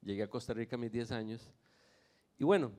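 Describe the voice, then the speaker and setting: A man's voice: medium pitch, fairly quick, warm tone. Nicaraguan-born man telling his testimony. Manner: storytelling, lightly humorous anecdotes. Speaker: guest giving a testimony. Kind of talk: personal testimony to a church audience.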